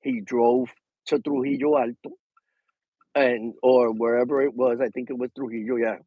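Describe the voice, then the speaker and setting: A man telling a story in casual chat, animated and slipping into Spanish. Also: medium pitch, normal speed, no echo, phone-quality sound. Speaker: boxing show guest.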